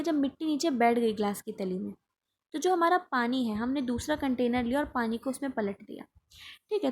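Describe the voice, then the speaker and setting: A woman's voice: high voice, a little hiss or hum. A woman teaching a science lesson, explaining textbook answers and often checking in with the listener.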